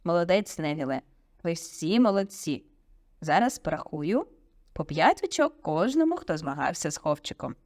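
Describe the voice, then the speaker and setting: A woman voicing a calm, kindly male wizard teacher in an audiobook, encouraging and unhurried. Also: on the low side. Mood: pleased. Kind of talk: audiobook character voice.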